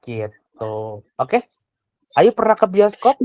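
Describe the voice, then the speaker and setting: Patient young tutor, dry sound. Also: female voice, fairly low pitch, very animated, slow, darkish tone, dry recording, poor audio. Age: young adult. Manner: patient, asks many questions, trails off with "gitu". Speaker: private tutor. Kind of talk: online tutoring lesson.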